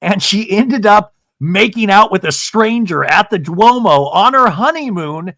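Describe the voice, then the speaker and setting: High-pitched man hosting a chatty podcast. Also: lively intonation, measured pace, bright, forceful tone, no room sound, studio quality. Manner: effusive, gossipy, rambling. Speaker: podcast host. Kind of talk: casual chat.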